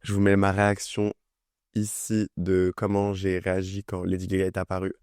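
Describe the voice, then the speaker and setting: Young man, low-pitched, dry close sound; chatty and enthusiastic music-review vlogger. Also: completely flat delivery, moderate pace, darkish tone, smooth, no echo. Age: young adult. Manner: enthusiastic, chatty, full of fillers. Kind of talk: casual chat.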